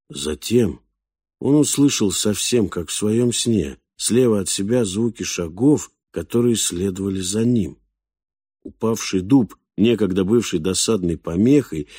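A man narrating a science fiction novel as an audiobook, in a measured, even way. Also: on the low side, slightly rough, no echo, clean studio sound.

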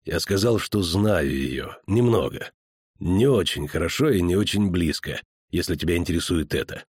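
Geralt, a terse husky witcher, read by a man. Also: deep voice, expressive, normal speed, darkish tone, dry recording, clean studio sound. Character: grim weary male witcher, terse. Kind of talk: audiobook character reading.

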